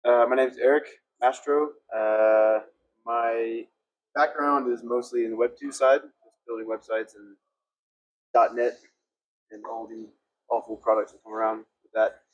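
A man's voice: mid-range voice, fairly even intonation, a little slow, muffled recording. A man, a developer guest, telling his background in a casual, rambling way with wry asides. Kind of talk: podcast interview.

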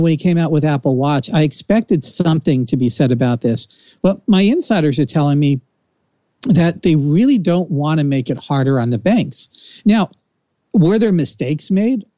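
A man's voice: a little high, dark tone, dry recording. A man with a New Jersey accent hosting a casual talk show, giving rambling, opinionated takes. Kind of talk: casual chat.

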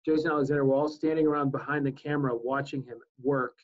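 A man in his forties co-hosting a casual talk show, telling stories in an easygoing way with halting fillers. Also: mid-range voice, steady tone. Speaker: co-host. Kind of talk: casual chat. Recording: dull lo-fi sound.

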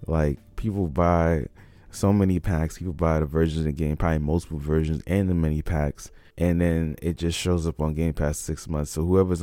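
A man's voice: extremely low pitch, warm tone, no room sound. A man hosting a casual solo gaming podcast, talking in a rambling, laid-back way with chuckles, his voice a bit congested from a cold. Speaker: podcast host.

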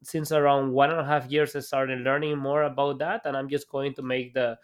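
A man's voice: medium pitch, little pitch movement, normal speed. A man from El Salvador, an entrepreneur guest on a podcast, speaking over a video call with many fillers and restarts. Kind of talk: podcast interview.

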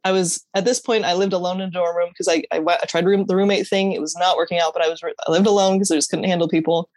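A woman's voice: lowish voice, little pitch movement, quick pace, a little mellow, no room sound. A woman telling her personal faith story as an interview guest, earnest and candid, stopping and restarting her sentences and laughing now and then. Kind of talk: personal faith testimony in conversation.

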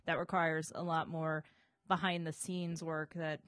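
A woman's voice: deep voice, level tone, a little slow, a bit bright, dry recording. Woman hosting casually, very dry sound. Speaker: podcast host, bookseller. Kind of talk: casual podcast chat.

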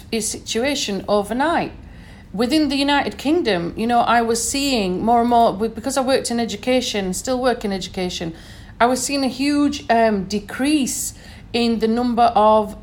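A woman from Sheffield in northern England, speaking with a Sheffield accent in a fairly high voice, gives an informal recorded talk to her listeners. Earnest and teacherly, she works through her points while checking in often with a quick "okay?"

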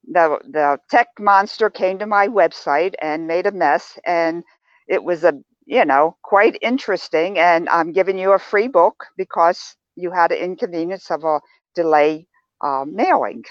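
An older woman talking as an interview guest, animated and acting out the remarks she quotes in shifting tones. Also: on the low side, measured pace, dry recording, highs cut off. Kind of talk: casual interview talk.

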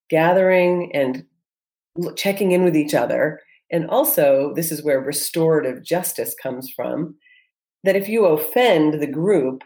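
Speaking with a darkish, mid-range voice, the entrepreneur guest gives earnest, thoughtful interview answers. Sentences frequently restart, and fillers crop up often.

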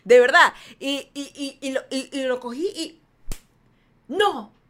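A woman with a Guayaquil Ecuadorian Spanish accent telling a strange personal story on her podcast, acting out her own shouts. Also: high-pitched, fairly even intonation, moderate pace. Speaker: podcast host.

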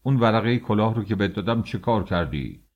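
A man's voice: fairly low pitch, lively intonation, muffled recording. A man voicing an impatient, snapping male office boss in an audiobook. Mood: irritated.

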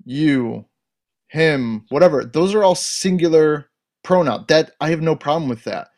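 A man's voice: on the high side, animated, unhurried, a little mellow. A man in a casual podcast conversation, talking bluntly and emphatically with frequent swearing. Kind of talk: casual opinionated chat.

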